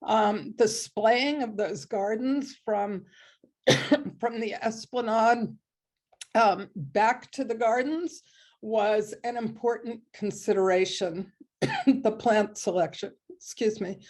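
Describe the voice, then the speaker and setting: A woman giving a presentation on a park's design, hoarse and coughing, speaking deliberately with frequent pauses. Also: fairly high pitch, a little mellow. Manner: slow and deliberate, with many ums. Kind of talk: online presentation.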